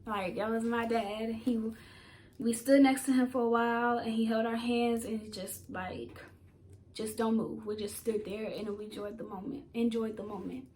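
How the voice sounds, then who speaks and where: A woman in her twenties with a fairly high voice, talking to camera as a vlogger. She tells a personal story in a loose, casual way. Her delivery is heartfelt and emotional. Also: steady tone, normal speed, darkish tone, slight background noise.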